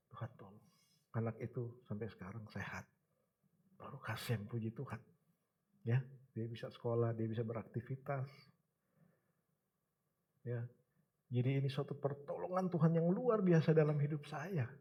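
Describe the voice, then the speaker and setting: A middle-aged man from Indonesia preaching a sermon with a personal testimony, emphatic with the congregation and soft when recounting hardship. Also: medium pitch, fairly even intonation, husky, dull audio. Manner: emphatic, calls out to the congregation, then soft and halting while telling of hardship. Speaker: church elder preaching.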